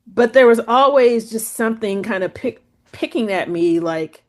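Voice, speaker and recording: A woman tells her own story as an interview guest, relaxed and conversational. She fills her talk with "like" and "you know." When she quotes people, her pitch jumps up. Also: normal speed. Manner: chatty, full of "like" and "you know"; acts out quoted speech with lively pitch jumps. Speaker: guest photographer.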